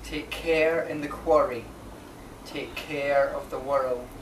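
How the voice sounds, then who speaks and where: Reading his own work live inside a marquee, a poet recites very slowly, pausing between short phrases in a mid-range, steady voice. A camera mic a few metres away makes the recording distant, echoey and roomy, with clear background noise.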